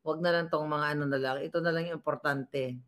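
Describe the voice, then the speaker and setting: A woman's voice: low-pitched, fairly even intonation, brisk, fairly bright tone. A woman with a Filipino accent doing casual live political commentary, scornful and mocking as she reads viewer comments aloud.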